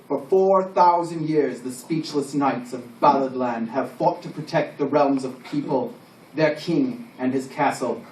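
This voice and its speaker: A solemn medieval king, acted by a man delivers a formal, declamatory knighting address with proud grandeur. The voice sits somewhat high. It is captured at a distance in a reverberant room, with faint noise behind it. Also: natural voice. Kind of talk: ceremonial scripted speech. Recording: roomy, distant microphone, faint background noise.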